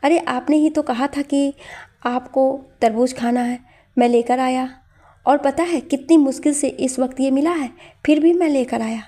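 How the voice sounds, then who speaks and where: A woman's voice: high-pitched, moderate pace, dark tone. A woman voicing a tender, anxious young husband who soothes and pleads with his wife. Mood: defensive. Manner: soothing, pleading, then scolding.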